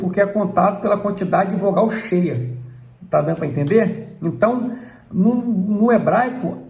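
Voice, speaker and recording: A church elder with a Brazilian Portuguese accent teaches from a book, pausing often to point things out. His voice sits fairly high but sounds mellow and gravelly. The recording carries a noticeable room echo. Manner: points things out with frequent "look" asides. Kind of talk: explaining a book page by page.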